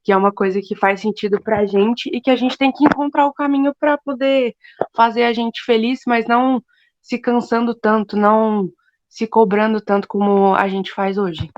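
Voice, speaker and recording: A woman's voice: on the high side, fairly even intonation, normal speed, no room sound. A sixteen-year-old girl with a Brazilian Portuguese accent, talking informally in a study group discussion, chatty and full of fillers. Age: teens. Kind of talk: casual discussion. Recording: dull lo-fi video call audio.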